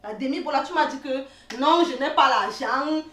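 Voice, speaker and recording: A woman with a Cameroonian accent playing a jealous girlfriend who shouts and accuses in a comedy sketch. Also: sits high, normal speed, slight background noise. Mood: agitated. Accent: Cameroonian French. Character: jealous young woman, hotheaded and insistent. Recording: echoey room, mic far off.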